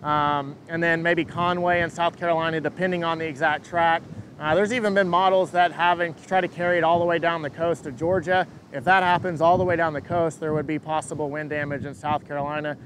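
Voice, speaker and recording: Halting higher-voiced man giving live storm commentary. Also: fairly even intonation, fairly bright tone. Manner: hesitant, halting, repeats words mid-thought. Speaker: storm forecaster hosting a live update. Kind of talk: live unscripted weather commentary, answering viewer questions. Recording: engine rumble and wind noise.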